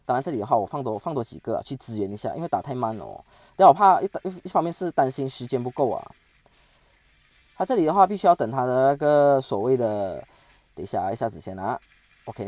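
A man giving chatty, excitable commentary over a strategy game he is playing, stumbling and restarting as he talks. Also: mid-range voice, no echo. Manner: chatty, excitable, with frequent sentence-final particles and stammered restarts. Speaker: game channel host. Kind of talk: casual gameplay commentary.

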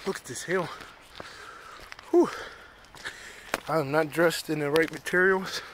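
A man's voice: on the high side, moderate pace, background noise. A man with a Pittsburgh accent vlogging casually on a park hike, out of breath and rambling with lots of "like" and "you know". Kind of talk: casual walking vlog.

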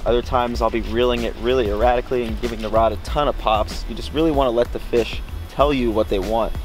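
A man's voice: mid-range voice, fairly even intonation, quick pace. A young man hosting a fishing channel, reviewing a lure to camera from a small boat on a lake with enthusiastic, upbeat delivery. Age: young adult. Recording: clear background music. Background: music.

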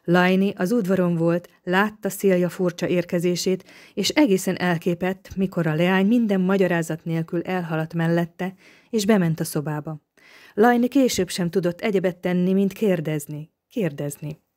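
A woman narrating an audiobook in a calm, even storytelling manner. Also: lowish voice. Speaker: audiobook reader.

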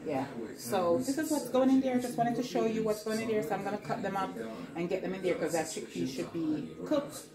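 A middle-aged woman cooks and chats in a casual, rambling kitchen vlog aimed at her viewers, filmed by a camera on the counter. Her mid-range voice runs a little fast, the sound is roomy, and a crowd can be heard behind her.

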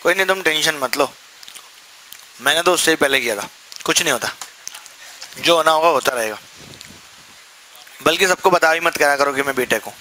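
A man's voice: a little high, moderate pace, long pauses, bright, forceful tone, slight background noise, low-quality recording. A young man teaching a maths class, asking the students questions and answering them himself, with jokey, chatty asides. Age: young adult. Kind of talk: classroom lecture.

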